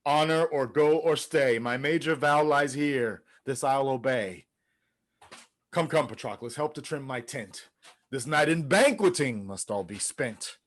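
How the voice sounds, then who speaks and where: Man playing a proud, menacing warrior, mid-pitched. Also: a little slow, natural voice. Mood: resolved. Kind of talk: theatrical Shakespearean stage acting.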